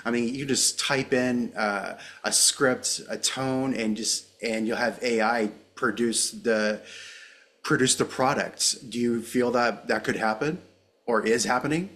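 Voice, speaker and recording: A man's voice: mid-range voice, measured pace, fairly bright tone. A man hosting an interview, asking long, loosely worded questions. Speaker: host.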